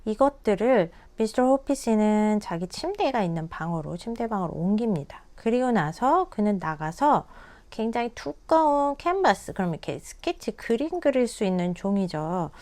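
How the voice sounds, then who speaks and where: A Korean-native woman teaching English reading, reading a storybook aloud slowly and carefully, then explaining it patiently. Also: medium pitch, very animated, darkish tone.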